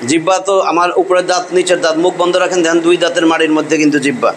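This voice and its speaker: Middle-aged teacher, higher-pitched voice, patient repetitive drilling of pronunciation. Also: male voice, fairly even intonation, a little hiss or hum, poor audio. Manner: drills sounds by slow repetition. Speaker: Quran recitation teacher. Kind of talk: classroom pronunciation lesson.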